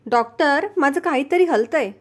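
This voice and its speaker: A woman's voice: sits high, animated, moderate pace. A woman voicing an anxious, lovesick male patient in a joke, speaking in plaintive complaints.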